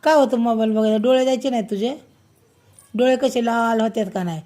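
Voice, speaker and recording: A woman's voice: fairly high pitch, brisk, dark tone. A mother scolding her child at home, firm and repeating her questions over and over.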